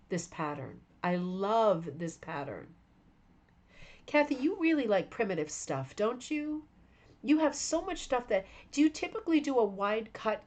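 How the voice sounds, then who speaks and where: Speaking in a medium pitch with a darkish tone, a woman runs a show-and-tell chat for her rug hooking club's live stream. She's worn out and her voice is going, yet she rambles on enthusiastically, addressing viewers by name.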